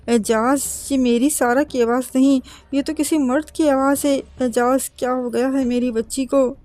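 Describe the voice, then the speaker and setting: A woman's voice: sits high, fairly even intonation, darkish tone, natural voice. Woman doing a tearful, distraught mother. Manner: anxious pleading.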